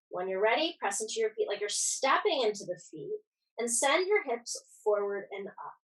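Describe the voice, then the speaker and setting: Woman yoga teacher, kinda high voice, casual n reassuring cues, bit far from the mic. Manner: encouraging, reassuring. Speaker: yoga instructor. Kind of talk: yoga class instruction, casual guiding.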